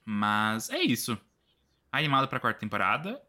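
Brazilian man, podcast co-host, bright voice, chatty with laughs, casual. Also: medium pitch, very animated, normal speed. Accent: Brazilian Portuguese. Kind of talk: casual chat.

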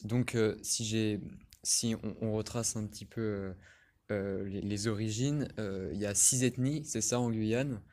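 A man interviewing a guest, asking long, rambling questions with many pauses and restarts. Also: on the low side, steady tone, darkish tone.

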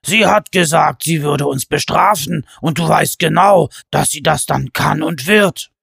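A lumbering, bossy storybook giant, put on by a male narrator. The voice is raspy and gravelly, pushed higher than a plain male voice. It lectures his brother about the rules, recorded dry and close. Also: a little slow, a bit bright, dry recording, heavily acted. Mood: scolding. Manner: lecturing, scolding.

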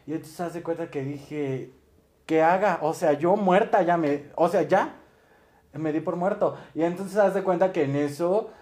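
Casting note: young Mexican man with a Mexican accent, slightly high voice, lively slangy storyteller who laughs a lot. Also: moderate pace. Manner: animated, laughs often, acts out quotes, heavy slang. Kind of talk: casual storytelling chat.

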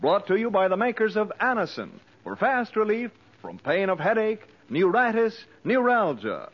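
A man's voice: sits high, sing-song, normal speed. Male announcer on an old radio broadcast. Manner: formal, punchy announcer delivery. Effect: old radio broadcast sound. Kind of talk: scripted sponsor and cast announcement. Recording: dull lo-fi 1940s radio transcription.

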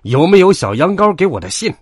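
A man's voice: lowish voice, big pitch swings, normal speed, husky, no room sound, studio quality. A man playing a snarling bad-tempered wolf. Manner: snarling, menacing.

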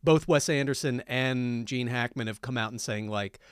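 A man's voice: mid-range voice, moderate pace, clear, resonant tone, no echo, studio quality. A man co-hosting a podcast, talking in a rambling, hedging way with many fillers. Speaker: podcast co-host. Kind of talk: casual podcast chat.

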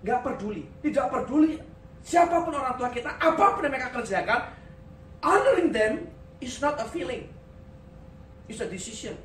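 A male pastor delivers a sermon with a swinging, animated pitch, joking and dropping English phrases into his speech. His voice sounds from some way off the mic, filling an echoey church hall with a faint hum behind it. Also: normal speed, long pauses, far from the mic.

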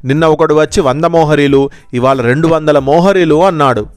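A man voicing a bold, money-minded young fisherman in a children's storybook tale, in a smooth, clear voice. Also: fairly high pitch, moderate pace, faint music behind, lightly acted.

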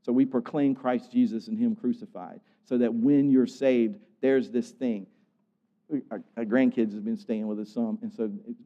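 Older male pastor, casual animated sermon delivery, muffled sound with long hall reverb. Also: medium pitch. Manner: lively, conversational preaching with animated voiced quotes.

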